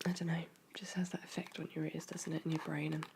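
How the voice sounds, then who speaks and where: A woman whispering softly and caringly in an ASMR chat, her throat sore and dry from a cold. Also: sits low, little pitch movement, fast, very noisy. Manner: soft, intimate, caring whisper. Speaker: ASMR creator. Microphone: close microphone.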